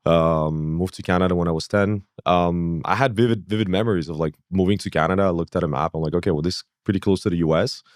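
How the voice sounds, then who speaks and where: Deep-voiced guy in his 30s, born in kazakhstan, rambling guest story, dry close mic. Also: a little mellow, dry recording. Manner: rambling, fillers, acts out his own past thoughts. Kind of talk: casual interview.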